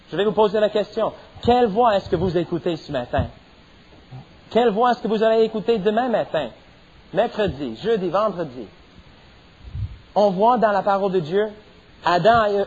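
A man's voice: high voice, slightly rough, dull audio. A middle-aged man preaching a sermon as pastor, stressing points and punctuating them with amens. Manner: preaching with rising emphasis and repeated amens.

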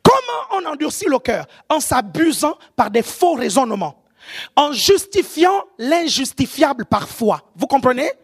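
A preacher with an African French accent gives a sermon, often shouting and checking whether the audience is following. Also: sits high, measured pace. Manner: animated, often shouting, keeps asking the audience if they follow.

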